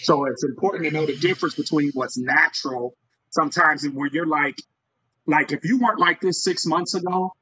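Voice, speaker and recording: A man's voice: a little high, fairly quick, pushed and bright, husky. A man on a podcast giving emphatic, preachy advice about parenting. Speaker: podcast guest. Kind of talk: casual podcast chat. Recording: dull lo-fi audio.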